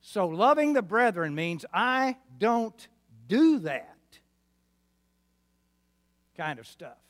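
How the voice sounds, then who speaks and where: A male preacher in his seventies delivers a sermon in a West Texas twang. His voice sits high for a man and swings widely between hushed lows and emphatic peaks. He is folksy and calls for responses, with long hall reverb around him. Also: big pitch swings, takes it slowly. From Arkansas, New Mexico and West Texas, United States. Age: 70s.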